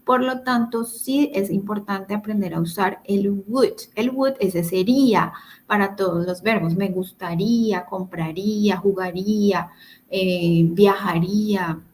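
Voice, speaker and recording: A woman's voice: mid-range voice, steady tone, unhurried, a little mellow, a little hiss or hum, poor audio. A woman teaching English grammar in a recorded video-call lesson, explaining step by step, repeating words and checking in with her students.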